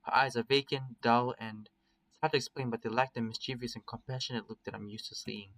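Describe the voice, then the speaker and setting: A man's voice: medium pitch, fairly even intonation, brisk, fairly bright tone, rough recording. Man casually reading a story aloud. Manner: reads plainly, with small slips and restarts.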